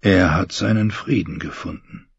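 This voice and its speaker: A man voicing a weary middle-aged holy man, a former knight, speaking quietly and confessionally in an audiobook. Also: sits low, normal speed, vocal fry, breathy edge, no echo, exaggerated voice. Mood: regretful. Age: 40s. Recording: dull muffled recording.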